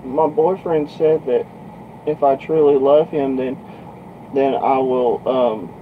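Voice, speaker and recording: A man voicing a frightened, tearful young woman who pleads in a high voice, on a dull lo-fi recording. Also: steady tone, slow pace, a little hiss or hum, natural voice. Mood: pleading.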